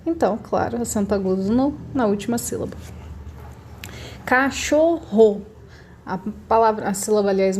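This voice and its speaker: A woman with a Brazilian Portuguese accent teaching a recorded remote lesson, patiently saying each word slowly to show the stressed syllable. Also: medium pitch, dark tone, a little hiss or hum.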